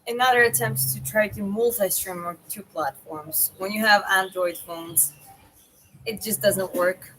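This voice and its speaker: A woman with a Georgian accent chats casually as a live streamer, thinking aloud in a halting way. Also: medium pitch, fairly bright tone, low-quality recording. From Georgia (country). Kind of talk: casual livestream chat. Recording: clear background noise.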